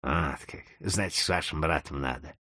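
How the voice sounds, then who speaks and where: A man voicing a gruff, ironic male boss who mocks and blusters. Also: normal speed, bright, forceful tone, full character voice. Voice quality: low, mocking.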